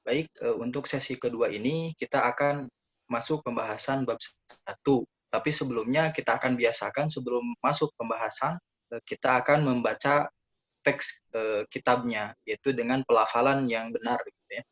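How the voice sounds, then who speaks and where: A man's voice: medium pitch, moderate pace, a bit bright, highs cut off. A man from Indonesia teaching an online Arabic lesson, explaining pronunciation rules with frequent fillers and drilling each word twice.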